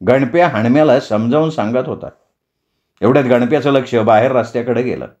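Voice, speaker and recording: A man's voice: mid-range voice, brisk, darkish tone. A man telling a village story in a vivid, dramatic storytelling manner. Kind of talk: Marathi story narration. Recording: dull lo-fi recording.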